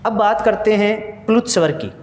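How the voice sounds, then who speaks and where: A man's voice: high-pitched, normal speed, a little mellow. A male teacher giving a grammar lesson for exam students, explaining step by step, asking questions and answering them himself, and repeating key points. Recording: echoey room with long reverb.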